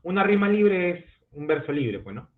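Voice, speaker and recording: A male literature teacher giving an online class, explaining step by step and checking understanding with quick questions. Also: sits high, sing-song, slight background noise. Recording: tinny phone-like audio from an online call.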